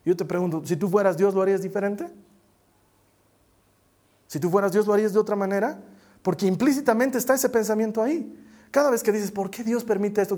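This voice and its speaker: Husky high-voiced man preaching. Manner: repetitive emphatic phrasing, drops to soft murmurs. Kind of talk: sermon.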